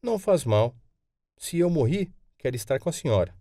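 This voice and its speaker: A man's voice: a little high, big pitch swings, moderate pace, warm tone, dry recording, clean studio sound, pitched above the performer's own voice. A man voicing a young boy who asks questions eagerly in an audiobook. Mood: pleading. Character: young boy, frightened then trusting. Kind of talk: audiobook character voice.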